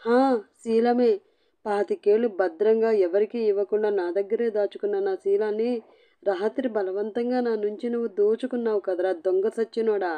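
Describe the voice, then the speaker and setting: A woman voicing a young bride who sobs and scolds in a shrill, cursing tirade. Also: a little slow, mellow, close to an everyday voice. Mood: wailing, cursing.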